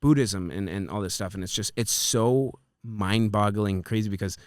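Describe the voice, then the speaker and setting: A man's voice: on the low side, normal speed, clean tone, dry recording, studio quality. A man in his twenties hosting a podcast, chatting casually and rambling with lots of fillers and swearing. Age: 20s. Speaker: podcast host.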